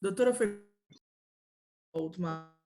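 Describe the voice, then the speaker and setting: A woman's voice: lowish voice, measured pace, warm tone. A woman student answering her teacher in an online class, her voice choppy and breaking up over the call. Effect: choppy, breaking-up video call audio.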